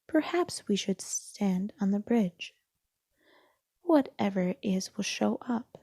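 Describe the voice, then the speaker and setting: A woman voicing a gentle, indulgent mother kangaroo in a storybook, soft, tender and measured. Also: medium pitch, animated, husky, dry recording, clean studio sound, heavily acted. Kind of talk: storybook read-aloud.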